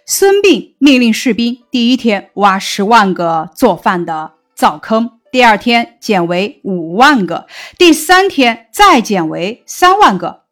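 A woman teacher reading a Chinese lesson text aloud in a steady, clear voice. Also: on the high side, takes it slowly, soft background music.

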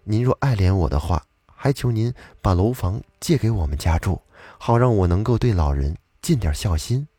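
A man voicing a gentle young fox-spirit woman. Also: lowish voice, animated, moderate pace, slightly rough, no echo, clean studio sound. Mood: earnest.

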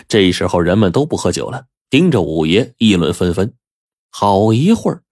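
Husky male storyteller, very animated delivery, dry close-mic sound. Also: lowish voice, no echo. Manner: animated, dramatic telling. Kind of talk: oral storytelling.

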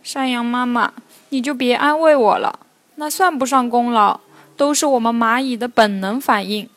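A woman voicing a tiny young ant who wants to be a hero, in a children's storybook reading, talking high and loud with sobs. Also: normal speed, no echo, close to an everyday voice. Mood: glum. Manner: high, loud, sobbing and pleading.

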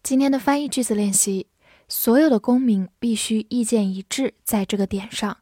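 A woman teaching English vocabulary in a scripted lesson, reading example sentences slowly and carefully. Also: a little high, dark tone, no echo, studio quality. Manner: slow, careful model readings.

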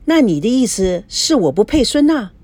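A touchy, jealous young man with a sullen edge, as a woman puts him on. Recorded dry and close, with a lively rise and fall in the lines. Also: a little high, moderate pace, dry recording. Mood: resentful. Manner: tense and sullen.

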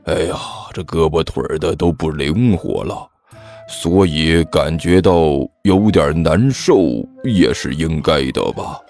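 A man's voice: extremely low pitch, lively intonation, slow pace, a little mellow, soft background music, voice pushed down, heavily acted. A man voicing a lazy, sly old male immortal who drawls evasively and plays innocent in an audiobook.

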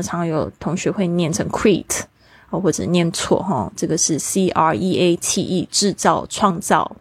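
A woman hosting a language lesson podcast, explaining new words and spelling them out slowly. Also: lowish voice, gravelly, breathy edge, dry recording. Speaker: English teacher.

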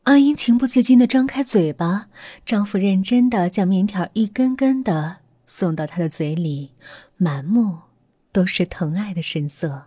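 Female horror storyteller, breathy, dry close mic, faint music under. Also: mid-range voice, expressive, no room sound. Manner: dramatic, slowing and hushing at tense moments. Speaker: storyteller host. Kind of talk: horror audiobook narration.

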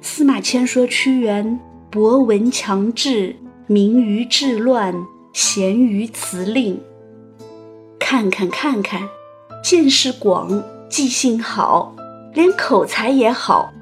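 Woman narrator, slightly high voice, unhurried, playful storytelling tone. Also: faint music behind. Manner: playful, chatty asides and exclamations. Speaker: narrator and audio host.

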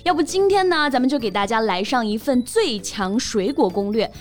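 A woman's voice: a little high, animated, normal speed, faint music behind. Playful young woman co-host. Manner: playful, joking. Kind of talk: bilingual casual chat.

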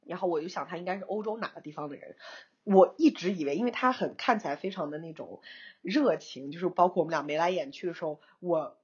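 Husky-voiced woman telling a story. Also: fairly low pitch, fast, lo-fi sound. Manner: animated, laughs often, mixes in English words. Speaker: co-host, screenwriter. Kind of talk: casual storytelling chat.

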